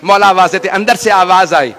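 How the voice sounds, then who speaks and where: A male cleric delivering a mourning sermon, impassioned and rising to wailing shouts as he addresses the gathering directly. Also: high-pitched, normal speed, soft background music.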